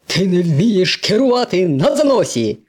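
Зверхня, зухвала гоночна машина з казки, яку грає чоловік, говорить глузливо, насмішкувато, підвищеним голосом. Голос живий, з різкими злетами інтонації. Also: male voice, high voice, big pitch swings, normal speed, a little mellow, voice pushed up. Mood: mocking. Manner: taunting, scornful. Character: arrogant, cocky male street racer car. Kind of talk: storybook reading.

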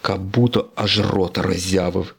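A man's voice: low voice, steady tone, normal speed, creaky, slightly rough. A man reading a children's storybook aloud, narrating expressively.

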